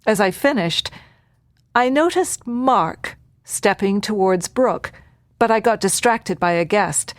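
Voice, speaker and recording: A woman's voice: mid-range voice, expressive, dry recording. Woman narrating a documentary, dry and close. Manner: measured, reflective.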